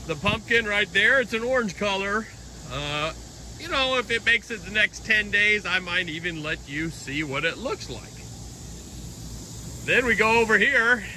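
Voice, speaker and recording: Middle-aged man, bright and slightly high voice, casual rambling garden walkthrough on phone, faint insects outside. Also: a little hiss or hum, rough recording. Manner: relaxed, rambling, explains as he walks. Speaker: giant pumpkin grower. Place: outdoors in a pumpkin garden. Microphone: handheld phone.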